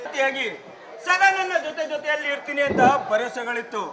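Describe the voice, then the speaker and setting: A man's voice: very high voice, animated, brisk, over a noisy crowd. A man playing a widowed father and respected village head in a village stage play, speaking in a declamatory, mournful way. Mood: grieving. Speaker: stage actor. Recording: music playing behind.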